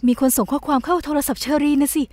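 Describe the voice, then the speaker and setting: A woman dubbing a feisty young wife in a drama series, snapping back with sharp, defensive retorts. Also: high voice, racing, no echo, close to an everyday voice. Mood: impatient. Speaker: lead character in a dubbed series. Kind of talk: dubbed series dialogue.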